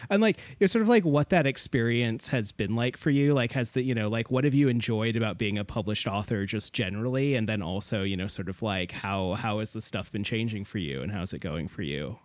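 A man's voice: fairly low pitch, fairly quick, hardly any pauses, no echo. A man hosting an author interview over a video call, asking long, rambling questions full of fillers. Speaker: podcast host. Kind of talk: casual interview chat.

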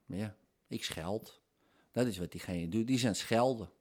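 A man's voice: fairly low pitch, moderate pace. A man giving an explanatory monologue on hypnosis, talking conversationally, working through everyday examples and often checking in with tag questions.

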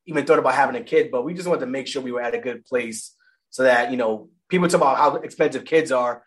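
A man and new father chatting casually about family money, talking loosely and correcting himself as he goes. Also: medium pitch. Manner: fast, loose, self-correcting. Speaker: guest, father.

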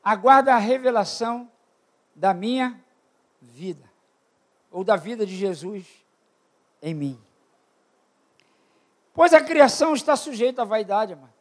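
An older man delivers a sermon at a church retreat, putting questions to the congregation and calling for amens. His lively delivery shifts between loud, shouted peaks and low, quiet asides, running a little slow with frequent pauses.

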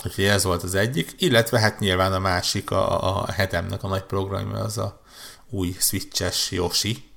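A podcast co-host chats casually about video games, rambling along with lots of restarts and repeated words. His voice is deep, creaky, and fairly bright, and his tone stays steady.

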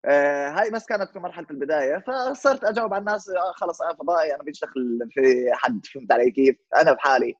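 Fast-talking young Levantine Arabic man, dry sound. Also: a little high, animated, no room sound, highs cut off. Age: 20s. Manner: informal, explanatory, checks listener understands. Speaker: interview guest, rapper. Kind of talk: casual conversational interview with English words mixed in.

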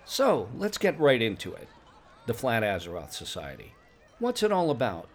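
A man's voice: mid-range voice, wildly swooping pitch, moderate pace. A man playing an earnest, friendly news host in a scripted fantasy radio broadcast. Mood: friendly, polite.

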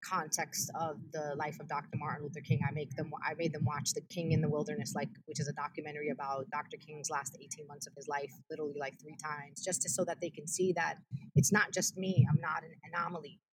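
Speaking fast and with emphasis, a woman from the United States talks passionately and sincerely as an activist interview guest. Her low voice has little pitch movement, and the rough recording carries a bit of hiss or hum.

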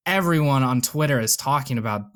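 A man's voice: medium pitch, a little fast, fairly bright tone. Laid-back young man with a slight lisp. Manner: laid-back, filler-heavy, laughs often. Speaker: podcast host. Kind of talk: casual gaming chat.

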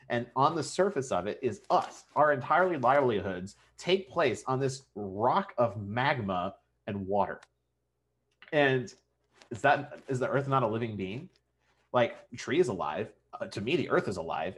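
A man hosting a podcast in casual, earnest chat, rambling and filling his talk with "like" and "you know". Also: lowish voice. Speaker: podcast host.

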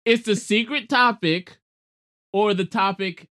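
Higher-voiced man in natural podcast chat. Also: unhurried, pushed and bright. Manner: informal, loose phrasing. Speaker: podcast co-host. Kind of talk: natural unscripted casual talk.

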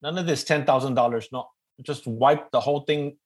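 A middle-aged man with an East Los Angeles Chicano accent, moderating a webinar informally in a joking, animated way and often repeating words. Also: medium pitch, normal speed. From East Los Angeles, United States. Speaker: panel moderator.

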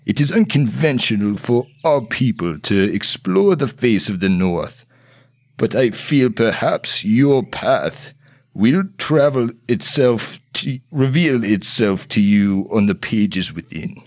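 Voiced by a man in a heavily acted performance, a gentle old holy man offers slow, solemn counsel to a grieving friend. His voice is low and unhurried yet very animated, with a breathy edge.

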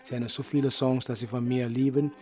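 A man from Aruba talks in an interview about music, lively and easy in loose German. His voice sits at an ordinary middle pitch. Soft guitar plays faintly behind him. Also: fairly quick. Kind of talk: casual interview talk.

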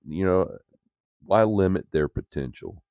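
A man's voice: low-pitched, lively intonation, a little slow, creaky, no room sound, phone-quality sound. A man chatting casually as a talk show co-host in a droll, tongue-in-cheek manner. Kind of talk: casual chat.

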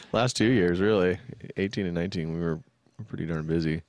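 A man's voice: sits low, fairly quick, a little mellow, no room sound. A man in his fifties, a musician and band leader, talking in an easygoing, plainspoken way in casual podcast chat. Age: 50s.

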